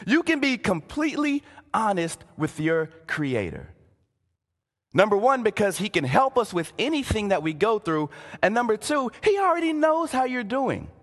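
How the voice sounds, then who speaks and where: Earnest male preacher, high voice with a wide swing, repeats himself for emphasis, sermon in a big echoing hall. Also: very animated, normal speed, fairly bright tone. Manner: earnest, repeats words and keeps saying "listen". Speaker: pastor. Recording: long hall reverb.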